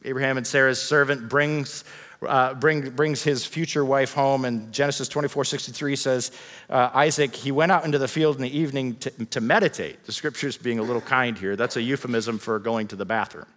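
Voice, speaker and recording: A man's voice: mid-range voice, steady tone, a little fast, fairly bright tone. A man preaching a sermon, conversational and humorous, asking the congregation rhetorical questions. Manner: father of children. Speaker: pastor. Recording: long reverb of a large hall.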